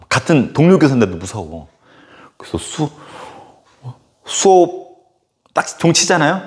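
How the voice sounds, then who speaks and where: A male history teacher tells a story casually during a lecture, animated and full of fillers. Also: medium pitch.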